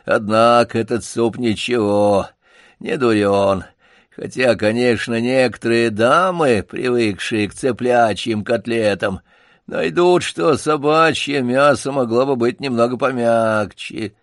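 A man voicing a hoarse, cynical male stray dog with gloomy mockery. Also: mid-range voice, slow pace, few pauses, a bit bright, dry recording, studio quality, pitched above the performer's own voice. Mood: mocking. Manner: mocking, gloomy.

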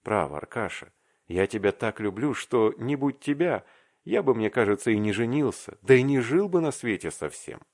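Timid lovestruck young man, earnest, halting, lively pitch, man reading aloud, audiobook. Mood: earnest confiding. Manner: earnest, faltering, warm confessional.

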